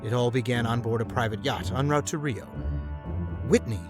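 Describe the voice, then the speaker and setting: An actor playing a confident, scoffing big-game hunter who also narrates, in the style of an old-time radio drama. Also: male voice, medium pitch, music in the background, natural voice. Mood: assured. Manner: brisk, self-assured, scoffing. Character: confident adult male big-game hunter, dismissive of fear. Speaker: narrator and lead character.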